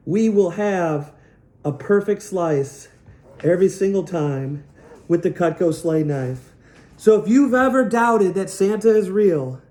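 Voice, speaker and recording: A man giving a playful, rambling product demo as a salesman, repeating his jokes as he goes. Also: dark tone. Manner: rambling, jokey, repetitive sales pitch. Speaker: knife sales representative. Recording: echoey room.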